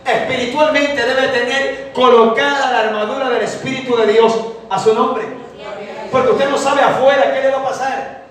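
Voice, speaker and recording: High-voiced preacher in an echoing hall. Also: male voice, fairly even intonation, moderate pace, fairly bright tone, far from the mic. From Ecuador. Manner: emphatic preaching, tells a personal testimony, repeats "a su nombre". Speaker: evangelist preacher. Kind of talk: sermon. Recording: very echoey hall, voice from afar, faint noise.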